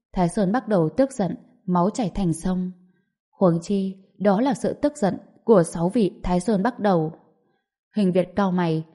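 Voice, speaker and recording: A woman narrating a martial-arts story in a steady, measured way. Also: fairly low pitch. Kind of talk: scripted narration.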